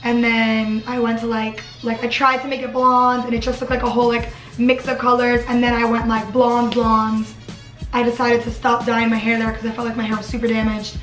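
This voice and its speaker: A woman's voice: a little high, level tone, a little fast, fairly bright tone, roomy sound, faint music behind, poor audio. A woman in her twenties chatting casually in her dorm room as a vlogger, filling her talk with "like". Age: 20s. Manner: chatty, lots of "like" fillers. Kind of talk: casual chat.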